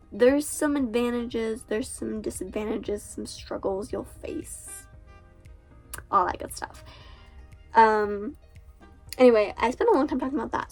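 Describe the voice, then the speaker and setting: Congested and nasal from a cold, a teen author and booktuber talks in a chatty way, using "like" constantly. Her voice is slightly high and a little mellow, with some vocal fry.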